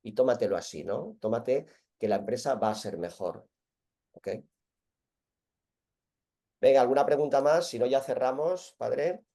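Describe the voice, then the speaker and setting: A man with an accent from Spain hosting an online group call, chatting informally in a halting, self-correcting way. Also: mid-range voice, dark tone. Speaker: host of an online group meeting. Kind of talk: casual chat.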